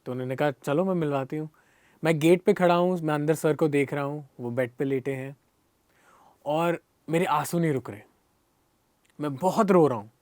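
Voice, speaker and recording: A man's voice: on the high side, darkish tone, no room sound, studio quality. A young man with a Hindi accent telling a personal story in an interview, earnest and emotional, often restarting and repeating himself. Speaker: guest.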